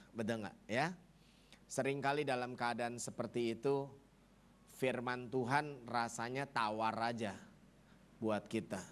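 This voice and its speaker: A male pastor preaching in a church, with a voice of middling pitch. He tells stories with animation, turning to the congregation again and again and prompting them to answer. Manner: animated storytelling, repeatedly addressing the congregation. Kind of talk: sermon.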